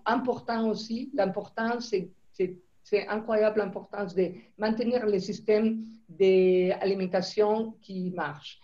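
A middle-aged woman with a foreign accent in French, not her native language, giving a halting briefing answer over a lo-fi video call. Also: medium pitch, warm tone. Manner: halting, searching for words in non-native French. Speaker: food security official on a briefing panel. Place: indoor room, on a video call. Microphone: video call microphone.

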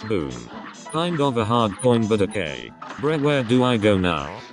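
A male text-to-speech voice reading casual let's play commentary, with an even machine delivery. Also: lowish voice, a little slow. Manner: evenly paced machine reading of casual gaming banter. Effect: text-to-speech synthetic voice. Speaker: gaming channel host. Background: video game music.

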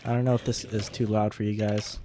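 A young man giving halting, casual gameplay commentary, sounding sick with a sore throat and swollen tonsils. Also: on the low side, little pitch movement, background noise. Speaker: gaming video host.

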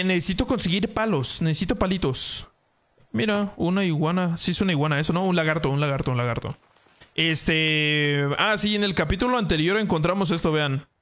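Excitable high-voiced young man streaming a game. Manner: excitable, yelps and groans at the game, greets viewers by name. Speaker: gaming streamer. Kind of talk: casual live gameplay commentary.

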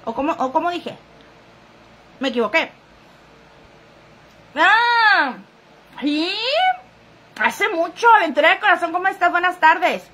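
High-voiced woman gossiping live. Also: normal speed, pauses often, a bit bright. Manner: chatty, talking straight to viewers. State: sniffly, runny nose. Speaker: live-stream gossip host. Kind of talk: casual chat reading viewer comments.

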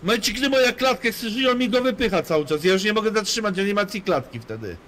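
A male streamer gives rowdy live commentary on his match, swearing and mocking people without pause. His voice sits a little high and swings widely in pitch, full of animated rises and drops. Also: slight background noise. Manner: crude, swears constantly, banters and mocks.

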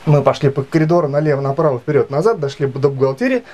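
A man in his late thirties telling a grievance story to camera in a halting, filler-heavy way. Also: on the high side, animated, a little mellow. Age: 30s. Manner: halting, many fillers and restarts, aggrieved retelling. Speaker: vlogger. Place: small indoor room.

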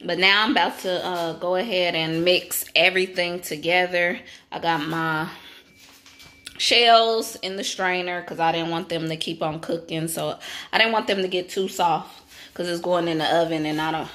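Woman, 30s, low-ish easygoing voice, home-kitchen cooking vlog on a close phone mic. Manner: relaxed, chatty, talks to viewers as y'all. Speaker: home cook vlogger. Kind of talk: casual cook-with-me chat. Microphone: phone camera held close.

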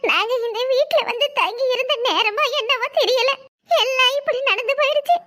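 A shrill, sly village schemer. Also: female voice, normal speed, a bit bright. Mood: sly, mock grieving. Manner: wailing, gossipy, sly. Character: scheming village woman, mock-grieving in-law. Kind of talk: Tamil cartoon voice acting.

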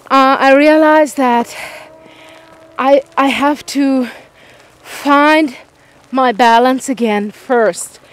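A woman filming herself on an outdoor evening walk, with a light voice that sits fairly high. She speaks slowly and thoughtfully, stopping and restarting as she finds her words. She has a mild cold, sounds tired, and is a little winded from walking with the handheld camera. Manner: gentle, reflective, many pauses and restarts. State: slightly out of breath from walking. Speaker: vlogger. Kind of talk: casual vlog while walking.

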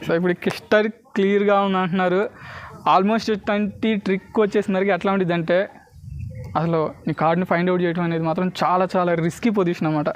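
High-pitched Telugu man doing street magician patter. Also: fairly even intonation, fairly quick. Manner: repeatedly checks with spectators, mixes in English words. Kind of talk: street performer patter for a card trick.

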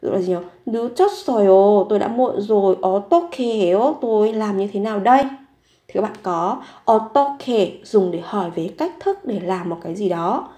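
A fast-talking Korean language teacher speaks at medium pitch with an animated delivery and dark tone. She repeats vocabulary patiently and asks herself questions as she explains example sentences in an echoing room.

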